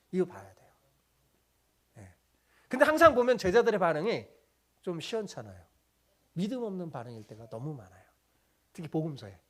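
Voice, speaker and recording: A man's voice: high-pitched, a bit bright. A middle-aged man, a pastor, preaching a sermon in a church. He keeps asking the congregation questions and then answers them himself, and he acts out the voices of people he quotes. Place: church sanctuary.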